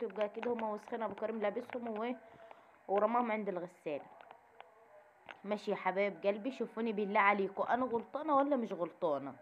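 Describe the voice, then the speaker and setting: A woman with an Egyptian accent, casually telling her viewers a story and often addressing them fondly while asking who is right. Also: mid-range voice. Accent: Egyptian Arabic. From Egypt, Sharqia. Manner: chatty, keeps calling viewers "my dears", asks them who is wrong. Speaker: vlogger. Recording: slightly dull audio with faint background noise.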